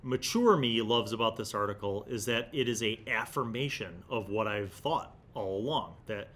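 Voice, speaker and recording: At normal speed and with a fairly low, fairly bright voice, a man in his forties reads articles aloud for his gaming review series. Working at a desktop mic in an indoor studio, he adds emphatic, conversational commentary.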